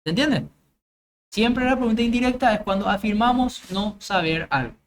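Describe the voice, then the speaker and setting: A woman's voice: on the high side, moderate pace. A woman teacher, walking through grammar rules one by one with examples. She keeps stopping to ask whether the class follows. Faint noise sits under her voice. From Paraguay. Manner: explains step by step with examples, checks understanding. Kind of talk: grammar lecture.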